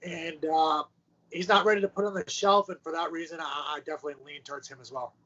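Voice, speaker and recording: A man's voice: fairly high pitch, fairly even intonation, quick pace, bright, forceful tone. A man co-hosting a sports podcast, talking in a laid-back, casual way with plenty of fillers. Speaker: podcast co-host. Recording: muffled lo-fi audio.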